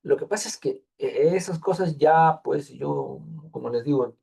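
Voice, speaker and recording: A man guides his thesis students through formatting rules in a patient, repetitive way, pausing to think aloud. His voice is mellow and dark, with a gravelly edge at the ends of phrases. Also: on the high side. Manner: patient, repeats details, thinks aloud with fillers. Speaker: thesis advisor. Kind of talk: online class instruction.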